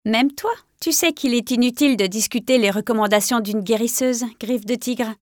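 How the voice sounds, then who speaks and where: A woman voicing a calm female healer cat in a storybook reading, gently mocking and firm. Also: a little high, normal speed, no room sound, clean studio sound, natural voice. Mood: teasing.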